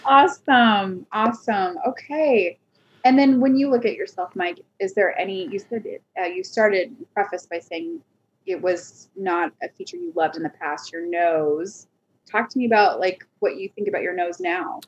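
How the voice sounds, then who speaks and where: A woman hosts an interview and asks her guest questions in a gentle, hesitant manner. Her voice is breathy and husky, and the recording sounds dull and lo-fi. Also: medium pitch, moderate pace. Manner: gentle, hesitant prompting with filler words. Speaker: podcast host.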